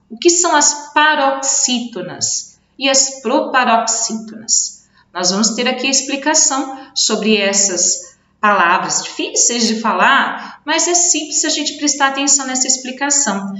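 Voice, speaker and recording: A Brazilian woman teacher with a high, bright voice works through a children's video lesson. She explains patiently, drawing out words to mark their stressed syllables. The recording is dull and lo-fi, with the echo of a bare room. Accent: Brazilian Portuguese. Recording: echoey room, dull lo-fi sound.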